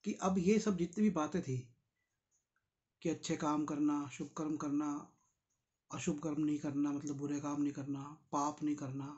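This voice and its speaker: A man's voice: fairly high pitch, steady tone, normal speed, darkish tone, muffled recording. A tired man, reading a Buddhist book and explaining it in a conversational way, speaking directly to his listeners. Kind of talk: casual spoken commentary on a read text.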